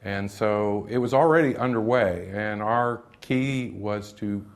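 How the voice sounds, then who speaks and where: A game developer looking back in an interview, loose and conversational. His voice is a little low. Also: slow pace. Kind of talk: interview recollection.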